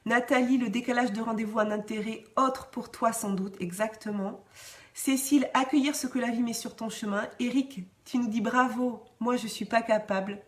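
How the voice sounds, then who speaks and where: A woman with a fairly high voice hosting a podcast in a relaxed, encouraging way. She talks off the cuff, restarting phrases and laughing lightly as she reads comments. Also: normal speed. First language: French. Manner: warm encouraging, often laughing; hesitant restarts, varied pace. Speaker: podcast host. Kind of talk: casual live chat reading comments.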